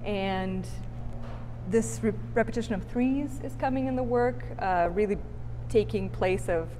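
A woman's voice: mid-range voice, measured pace. Thoughtful woman artist in a reverberant gallery. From Bulgaria. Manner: thoughtful, reflective, with frequent fillers. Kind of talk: gallery interview. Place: large art gallery indoors. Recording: reverberant gallery, faint hum.

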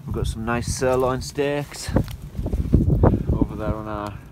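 A man's voice: medium pitch, fairly even intonation, measured pace, very noisy. A man with a Northern English accent, chatting casually as he films his woodland camp and cooking by the fire. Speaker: camping vlogger. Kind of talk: casual outdoor vlog narration.

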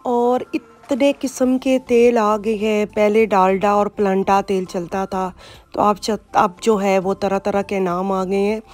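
In this casual vlog, a woman from Pakistan walks through a supermarket filming on her phone and chatting about products and what they cost. Her mid-range, darkish voice is steady and unhurried, with faint music behind.

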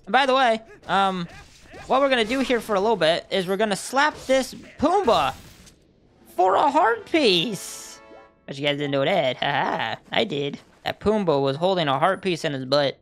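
A young man giving casual, excitable let's-play commentary, swearing and laughing often. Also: sits high, a little fast, faint music behind. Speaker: gaming YouTuber.

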